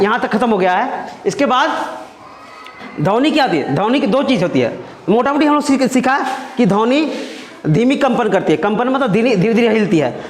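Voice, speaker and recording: A male teacher giving a classroom science lesson, talking conversationally with students, repeating himself and checking in with questions. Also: extremely high pitch. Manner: conversational, repeats phrases and asks "है ना?" often. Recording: echoey classroom.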